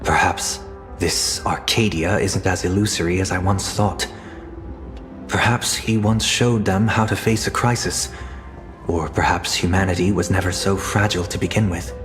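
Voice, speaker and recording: An actor playing a composed, philosophical gentleman leader in a video game, measured, formal and solemn. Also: deep voice, steady tone, music in the background, natural voice. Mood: reflective. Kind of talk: video game character acting.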